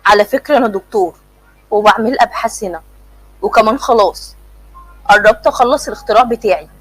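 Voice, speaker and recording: A woman's voice: medium pitch, fast, lightly acted, low-quality recording. A woman voicing a male mad inventor who gloats with menace. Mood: boastful. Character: mad inventor man, bitter old schoolmate.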